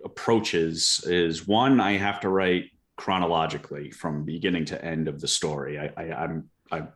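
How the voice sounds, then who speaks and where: A man, a guest author, answering in a casual interview, halting and repeating words. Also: deep voice, fairly even intonation.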